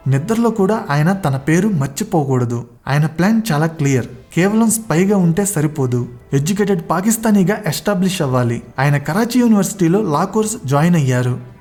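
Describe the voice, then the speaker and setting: A narrator telling a true spy story in a measured, dramatic storytelling style. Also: medium pitch, dark tone. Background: faint background music.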